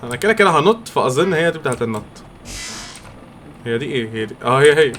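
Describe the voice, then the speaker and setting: A young man with an Egyptian accent commentating his own gameplay, excitable and quick to react loudly. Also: medium pitch, a little hiss or hum. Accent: Egyptian Arabic. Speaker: gamer. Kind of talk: let's-play game commentary.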